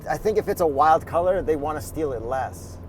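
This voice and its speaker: A man's voice: fairly high pitch, fairly quick, a little hiss or hum. A man co-hosting a car review, bantering in a laid-back, joking way, outdoors beside a vehicle. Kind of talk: casual banter.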